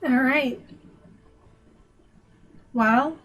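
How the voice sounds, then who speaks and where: A woman's voice: high voice, extremely slow, a bit bright, a little hiss or hum, rough recording. A woman streaming a text adventure, reading the game text aloud with wry asides to herself.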